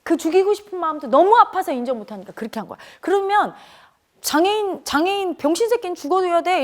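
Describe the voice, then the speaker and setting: A middle-aged woman earnestly telling a painful childhood memory to an audience, her voice turning tearful at times. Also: high-pitched. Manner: tearful and earnest, rising to cries when reliving events. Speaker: speaker at a spiritual community talk. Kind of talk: emotional personal storytelling.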